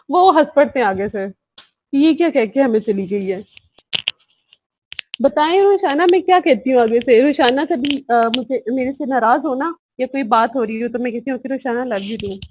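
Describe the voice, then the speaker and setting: A woman, a clinical psychologist giving a live online course in a chatty, casual way, dropping in English phrases. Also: fairly high pitch. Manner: chatty and warm, mixing in English phrases, reading out chats.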